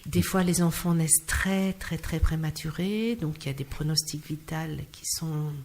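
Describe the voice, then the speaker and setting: A woman, an actress and singer, speaking softly in an interview, often repeating words as she searches for what to say. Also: deep voice, moderate pace, slight background noise. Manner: soft-spoken, hesitant, repeats words as she searches for them. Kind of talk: reflective interview talk.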